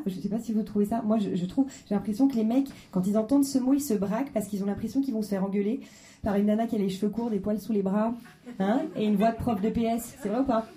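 A woman's voice: on the high side, mellow. A woman in her thirties doing conversational stand-up in a club, hesitant, slangy and self-deprecating. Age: 30s. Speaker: stand-up comedian. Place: comedy club stage. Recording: live club recording, faint noise.

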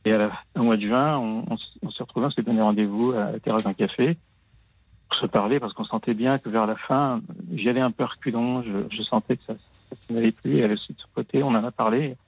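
A man calling in to a radio show, confiding his story in a halting way with many fillers and restarts. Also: medium pitch, steady tone, slightly rough. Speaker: caller. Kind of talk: hesitant personal confiding on a call-in show. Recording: phone line.

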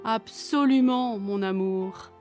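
A woman voicing a gentle, polite male brown bear with floppy ears in a storybook. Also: mid-range voice, slow pace, faint music behind, natural voice.

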